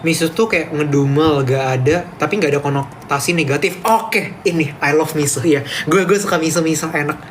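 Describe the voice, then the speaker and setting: A man's voice: fairly high pitch, normal speed, hardly any pauses, a little hiss or hum. A man, live streaming in casual chat, reading viewer comments aloud and answering with playful mock grumbling.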